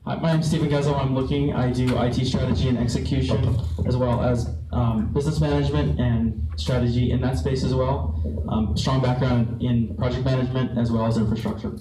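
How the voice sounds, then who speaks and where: Flat-toned man in an echoey, noisy room. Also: medium pitch, a little fast, hardly any pauses, recorded from a distance. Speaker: attendee introducing himself. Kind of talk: brief professional self-introduction.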